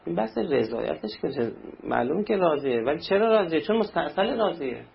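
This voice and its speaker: A man's voice: fairly high pitch, big pitch swings, gravelly, slight background noise. A man preaching a sermon in a conversational way, acting out little anecdotes. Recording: dull lo-fi recording with faint ambience.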